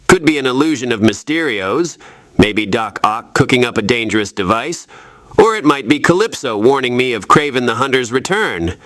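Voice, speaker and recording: A man's voice: mid-range voice, sharp tone, no echo. A man voicing a young, self-deprecating superhero in video game dialogue, with a wry, quippy manner.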